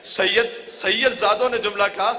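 A man preaches a mourning sermon in a high, bright voice. He tells the story with passion, and the emotion builds as he goes. His words echo through a large hall with a long reverb, captured on a dull, lo-fi recording. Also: fairly even intonation. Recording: echoey hall, dull lo-fi sound.

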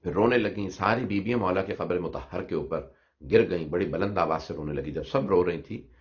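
A man's voice: low-pitched, moderate pace. A man reciting a mourning sermon in an emotional voice that breaks into sobs, in a dull lo-fi recording. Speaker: religious orator.

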